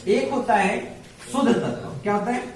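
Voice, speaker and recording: A high-pitched man teaches a science class, drilling his students with repeated questions and fondly calling them "babu." His voice rings through an echoey classroom, picked up from a distance with steady background noise. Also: normal speed. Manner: calls students "babu" affectionately. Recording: echoey room, voice far from mic, background noise.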